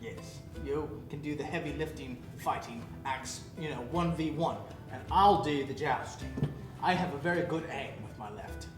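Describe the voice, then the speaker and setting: Guy playing boisterous scheming medieval knight, kinda high voice, halting, echoey room w music. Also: natural voice. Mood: confident planning. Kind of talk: loose improvised medieval role-play.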